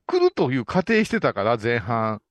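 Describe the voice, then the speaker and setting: A man's voice: mid-range voice, normal speed, dry recording, faint music behind. A man with a Kansai accent, a Buddhist monk co-hosting a comedic chat show, telling stories and acting out the voices in them. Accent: Kansai Japanese. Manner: animated storytelling, acting out voices in anecdotes.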